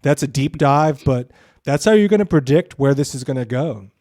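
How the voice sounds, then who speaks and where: A male podcast co-host with a mellow, mid-range voice offers casual, opinionated commentary at a moderate pace, sounding expressive and emphatic. He repeats phrases for stress and swears freely. The sound is clean studio audio with no echo.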